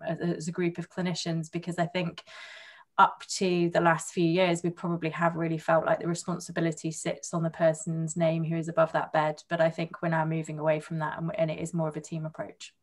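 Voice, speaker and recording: A woman's voice: low-pitched, completely flat delivery, a little fast. Hesitant woman surgeon on a panel. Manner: hesitant, many restarts and fillers. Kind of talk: webinar panel discussion.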